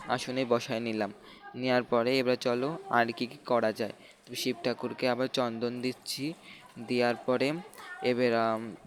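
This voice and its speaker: Flat-voiced man narrating a home ritual. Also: medium pitch, a little hiss or hum. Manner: halting, repetitive explanations with frequent restarts and fillers; talks directly to viewers, inviting them to watch. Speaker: channel host. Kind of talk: casual step-by-step narration of a home worship ritual. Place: home prayer room.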